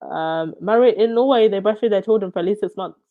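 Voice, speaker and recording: A woman's voice: mid-range voice, phone-quality sound. A woman from Zambia with a stuffy, runny nose, hosting a casual livestream chat and reacting to viewer comments. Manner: chatty, reacts with quick laughs and "wow".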